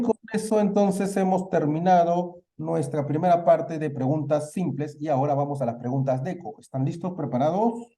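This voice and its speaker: Male Peruvian teacher, very dark tone, conversational lecture style. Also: mid-range voice. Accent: Peruvian Spanish. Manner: asks students questions and answers them himself. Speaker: literature teacher. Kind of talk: online class review.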